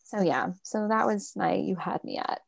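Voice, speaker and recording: A woman co-hosting a casual movie podcast, rambling with halting restarts and bursts of excitement. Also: medium pitch, vocal fry. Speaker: podcast co-host. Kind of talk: casual chat about a movie.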